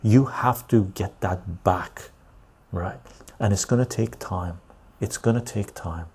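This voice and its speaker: Gravelly low-voiced man on a livestream. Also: slow pace. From Canada, born in Iran. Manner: rambling, frequent "right?" tags, soft murmured asides. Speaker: livestream host. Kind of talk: casual livestream chat, reading viewer comments.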